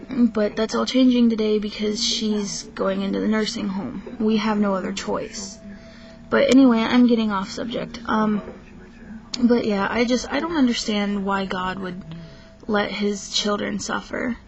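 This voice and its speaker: A woman's voice: mid-range voice, fairly even intonation, unhurried, creaky, darkish tone, highs cut off, a little hiss or hum. A young woman venting to the camera in a casual rant, hesitant and frank, tired from too little sleep, often stopping to restart her sentences. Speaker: vlogger. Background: faint film soundtrack music.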